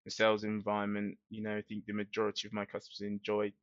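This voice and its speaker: Hesitant male podcast guest, even delivery, muffled dry mic. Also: on the low side, fast, dry recording. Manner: soft-spoken, hesitant with many fillers. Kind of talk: casual discussion. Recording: dull, dry lo-fi sound.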